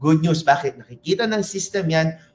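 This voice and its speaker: A man from the Philippines giving an animated sales pitch at a seminar, asking and answering his own questions, calling for applause and mixing in English phrases. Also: moderate pace. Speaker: seminar presenter.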